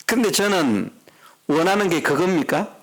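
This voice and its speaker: A man's voice: sits high, lively intonation, unhurried, a bit bright. A middle-aged man preaching a sermon as pastor in a church, talking conversationally and putting questions to the congregation. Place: church sanctuary.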